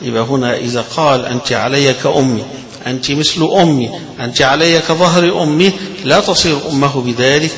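This low-quality recording has a man with an Egyptian Arabic accent teaching about the readings of the Quran and their meaning. His fairly bright, mid-range voice shifts from conversational explanation to slow, elongated recitation.

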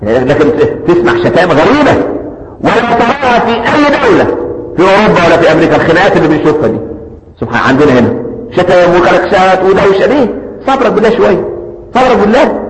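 A man's voice: sits high, very animated, rapid-fire. A man preaching a sermon with an Egyptian accent, often asking rhetorical questions and answering them himself. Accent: Egyptian Arabic. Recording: echoey hall with long reverb, faint noise.

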